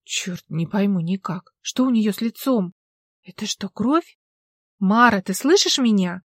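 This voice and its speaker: A woman voicing a brash, sharp-tongued woman who barks orders. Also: medium pitch, lively intonation, measured pace, no room sound, clean studio sound. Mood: bossy, shouting.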